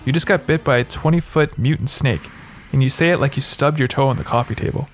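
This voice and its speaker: A man's voice: medium pitch, fast, soft background music. A man narrating scripted humorous commentary as a video host, in a sarcastic, mocking manner.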